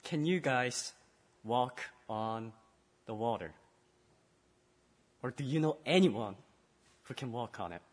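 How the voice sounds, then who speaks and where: A male pastor giving a children's sermon, storytelling and swinging between loud emphasis and hushed tones. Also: mid-range voice, lively intonation, takes it slowly, long pauses, in a large hall.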